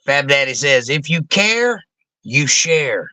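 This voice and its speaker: A man with a fairly high, forceful voice hosts a casual live stream. He is a folksy showman, heard close and dry. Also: big pitch swings, slow, no echo.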